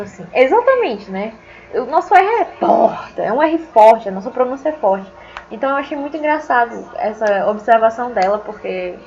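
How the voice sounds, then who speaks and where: A woman teacher with an Acre Brazilian accent, giving a casual online lecture in a chatty, expressive, opinionated way. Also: medium pitch, muffled recording, a little hiss or hum. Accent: Acre Brazilian Portuguese.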